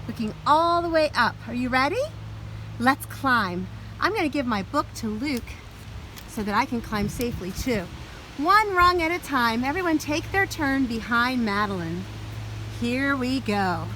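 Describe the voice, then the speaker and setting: Super bright kids host lady, really lively up and down voice, talking to little kids outside, bit of outdoor noise. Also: on the high side, rough recording. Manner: overbright, animated kids' party host delivery. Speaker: children's storytime host. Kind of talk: addressing young children, storytime show. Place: outdoors in a yard and treehouse. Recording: outdoor ambient noise, windy day.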